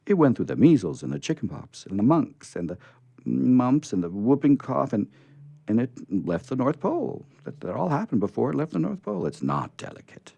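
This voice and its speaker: A man voicing a brusque but kindly old Santa in a storybook reading, booming and hearty. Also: big pitch swings, normal speed, creaky, dark tone, husky, no room sound, exaggerated voice. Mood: hearty, reassuring. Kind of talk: storybook character voice in read-aloud.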